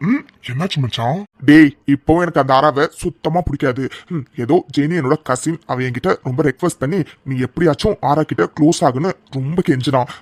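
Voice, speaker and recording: A scheming young man student in a cartoon serial, voiced by a man, smug and two-faced. His voice is slightly high and husky, recorded dry and close, as he boasts of his plots in a sly, self-satisfied way. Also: brisk, no room sound, natural voice. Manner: boastful scheming, turns falsely pleading.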